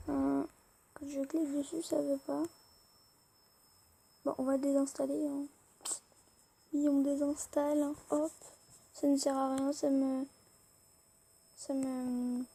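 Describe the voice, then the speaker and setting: A woman's voice: high-pitched, vocal fry, mellow. A young French-speaking woman rambling hesitantly with many fillers as she shows the apps on her tablet. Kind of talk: casual screen-recorded chat.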